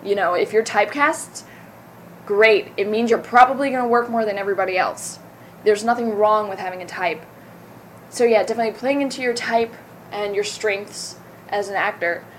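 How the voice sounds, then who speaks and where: A woman's voice: medium pitch, normal speed, rough recording. Young woman, Southern accent, actor, casual interview, chatty, self-correcting, faint background hiss. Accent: Southern American. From American South. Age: young adult.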